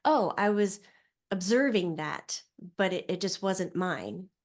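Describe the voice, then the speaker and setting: A woman, a psychic medium guest, talking casually on a podcast and acting out quoted voices with lively swings. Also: fairly low pitch, slow. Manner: animated, acts out quoted voices.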